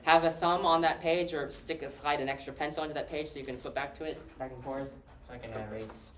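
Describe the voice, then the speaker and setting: Here the lecturer's voice is fairly high and a bit bright, moving fast with fairly even intonation as he talks casually through math and quizzes his students. It's captured by a far-off room mic in a lecture hall, giving a distant, roomy sound and light hiss.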